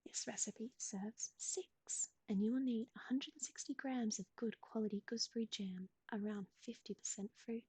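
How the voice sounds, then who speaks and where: A woman whispering recipes in a soft ASMR style, close to the mic, with gentle asides to a pet. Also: fairly high pitch, normal speed, few pauses, husky, no room sound. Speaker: ASMR streamer.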